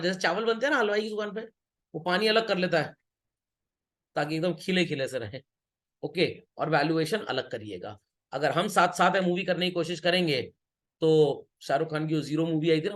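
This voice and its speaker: Guy teaching accounts, high voice, cracks jokes at the kids, mixes hindi and english. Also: fairly bright tone. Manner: teasing, joking with students, mixing Hindi and English. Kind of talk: classroom lecture.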